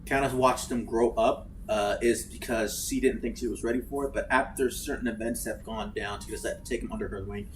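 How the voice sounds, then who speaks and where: A man chatting casually while playing a game, swearing freely and breaking into loud outbursts. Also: fairly low pitch, fairly quick, few pauses, slight background noise. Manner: animated, swears freely, bursts into shouts. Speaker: gaming streamer. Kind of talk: casual let's-play chat.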